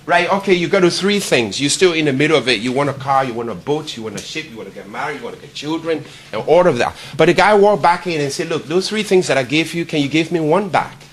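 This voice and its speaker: Liberian man, fairly high voice, lively speaker quizzing a room, faint hiss. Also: quick pace, few pauses. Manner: animated, quizzes the audience. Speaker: charity presenter. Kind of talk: speech to a networking event. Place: meeting room.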